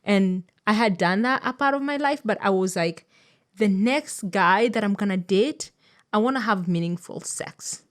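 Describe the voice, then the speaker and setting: A woman's voice: mid-range voice, normal speed. A woman from Kenya co-hosting a podcast, telling stories in a casual, chatty way. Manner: chatty, storytelling. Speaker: podcast co-host.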